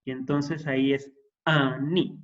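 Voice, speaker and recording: A man's voice: mid-range voice, level tone, takes it slowly, highs cut off. A man teaching an introductory Hebrew class, explaining patiently and checking in with his students. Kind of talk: classroom lesson.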